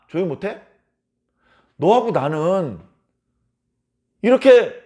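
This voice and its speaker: A man playing a rough crucified criminal who bluntly scolds his fellow convict, in a sermon retelling. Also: high voice, voice pushed up.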